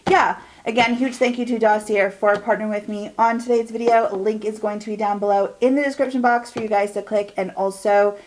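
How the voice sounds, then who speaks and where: A woman's voice: mid-range voice, fairly even intonation, a little mellow. A young woman, chatting and rambling in a bubbly get-ready-with-me vlog recorded at home. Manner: bubbly, rambling, quick bursts of speech. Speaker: beauty vlogger.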